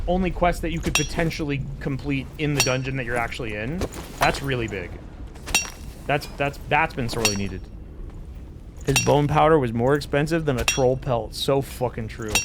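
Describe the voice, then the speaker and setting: A man doing casual live game commentary for his chat, profane and excitable in his talk. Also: on the high side, heavy background noise. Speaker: game streamer. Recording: game music behind voice.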